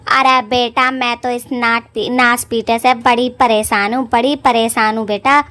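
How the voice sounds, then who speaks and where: A fed-up rustic mother from a cartoon story, played by a woman nags and complains in a high voice. Her speech is blunt and countrified. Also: level tone, measured pace, fairly bright tone. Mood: complaining. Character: fed-up middle-aged mother, rustic, nagging.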